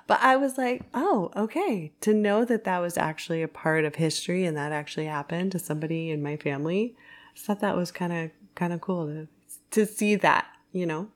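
A woman's voice: fairly low pitch, a little fast. A woman in a casual film chat, telling stories with lots of giggles and acting out what people said. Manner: storytelling, giggly, quotes people in a raised voice. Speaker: film podcast co-host.

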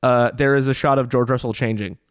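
A man's voice: medium pitch, fairly even intonation, brisk, clear, resonant tone. Sardonic man swearing in casual chat. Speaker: podcast co-host.

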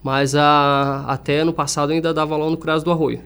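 A man's voice: a little high, level tone, brisk, fairly bright tone. A young man, a music teacher and singer talking earnestly as an interview guest, often restarting his sentences. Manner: earnest, reflective, with frequent restarts.

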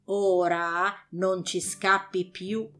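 A woman voicing gruff, threatening male assassins in a storybook reading, grumbling their lines. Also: fairly high pitch, very animated, unhurried, pushed and bright, faint music behind, heavily acted.

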